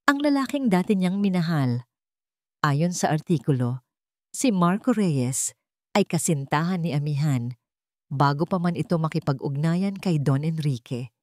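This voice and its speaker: Here a Filipino-accented woman narrates a scripted dramatic tale in a lowish female voice that is animated, unhurried, and slightly mellow. The sound is close and dry, without any echo or sense of a surrounding room.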